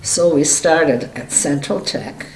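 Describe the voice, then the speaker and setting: A woman's voice: sits low, slow. An elderly woman recalling her youth in a plain, matter-of-fact way during an oral history interview. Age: 70s or older. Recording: echoey room with faint noise.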